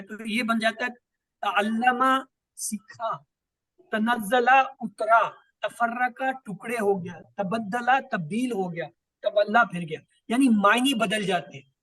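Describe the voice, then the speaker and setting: A man's voice: very high-pitched, bright, forceful tone, no echo. A man teaching a class, patiently explaining and repeating lists of words. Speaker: Quran grammar teacher. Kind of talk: online class lesson.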